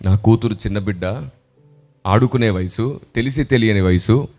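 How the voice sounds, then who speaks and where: A male pastor preaching a sermon that is full of stories, emphatic and rising to loud exclamations, and acting out the voices of people in his stories. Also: fairly low pitch, moderate pace, faint music behind. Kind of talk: sermon with storytelling.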